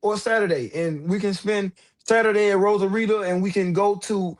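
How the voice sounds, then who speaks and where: A man with a notably high voice talks straight to his viewers over livestream headset audio. His delivery is loose, slangy and fired up, with the unpolished feel of a home stream. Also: steady tone, normal speed. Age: adult with several children. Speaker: livestream host. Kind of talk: casual livestream talk.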